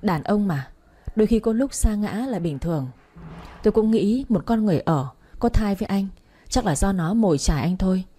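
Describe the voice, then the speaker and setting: A woman voicing a betrayed wife who shouts demands at her husband, reading a story aloud. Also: mid-range voice, expressive, normal speed, slightly rough. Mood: forced calm. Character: betrayed wife, furious and desperate.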